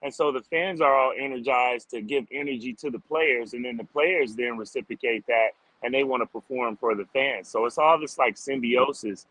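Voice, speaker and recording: The street drummer guest speaks at a medium pitch and moderate pace, barely pausing, his tone slightly bright. Casual and upbeat in his interview answers, he keeps dropping in "like" and "man," captured on a low-quality recording.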